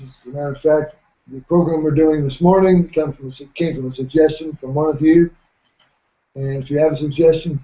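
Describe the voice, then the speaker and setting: A man's voice: fairly high pitch, mellow. Folksy man hosting a sports talk show. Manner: measured, folksy, clears throat often. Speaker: host. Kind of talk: radio talk show commentary. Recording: roomy, dull lo-fi sound.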